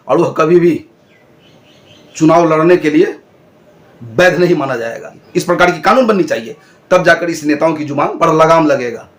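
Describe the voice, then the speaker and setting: A man hosting his own channel, giving indignant political commentary and lecturing viewers with rhetorical questions. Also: fairly high pitch. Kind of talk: talking to camera, political commentary.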